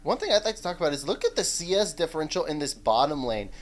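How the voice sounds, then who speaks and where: Excitable male esports caster. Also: a little high, fast. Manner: excitable, rises to shouts on big plays. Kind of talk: live esports commentary.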